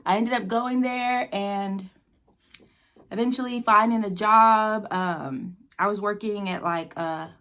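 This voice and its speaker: An American woman telling a casual, rambling personal story with halting pauses, talking between bites with her mouth sometimes full. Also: mid-range voice, steady tone, a bit bright. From New Mexico, United States. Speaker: vlogger telling a personal story while eating.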